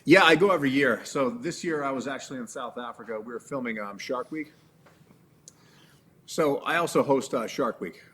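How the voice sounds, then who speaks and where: A man being interviewed as a guest, telling animated stories with lots of fillers and restarts. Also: mid-range voice, moderate pace, breathy edge. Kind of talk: casual interview chat.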